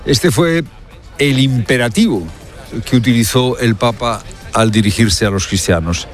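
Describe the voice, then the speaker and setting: A man's voice: medium pitch, measured pace, faint music behind. A man giving live news commentary. He talks emphatically, asks rhetorical questions and often hesitates with fillers. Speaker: radio commentator.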